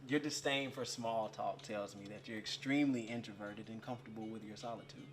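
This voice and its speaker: An actor playing a chatty, awkward server and eager fan who rambles and stammers with lots of fillers, in short film dialogue. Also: male voice, fairly low pitch, steady tone, a little fast, slight background noise, close to an everyday voice.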